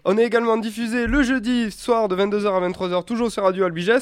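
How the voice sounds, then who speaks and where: A man's voice: high voice, steady tone, fast talker, clean tone, dry recording, clean studio sound. A man hosting a casual radio show, joking and teasing his guest in a chatty way.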